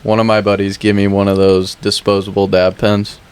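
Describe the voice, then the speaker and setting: A young man co-hosts a casual podcast with a fairly low voice. He talks in halting bursts full of fillers and swearing. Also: completely flat delivery, a little mellow, clear, resonant tone. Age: young adult. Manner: halting, filler-heavy, profane. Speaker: podcast co-host. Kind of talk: casual chat.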